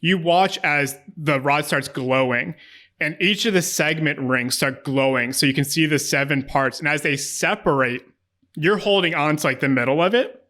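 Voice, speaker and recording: Higher-pitched man narrating as game master. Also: sharp tone. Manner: casual, descriptive, halting as he searches for words. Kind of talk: improvised tabletop game narration.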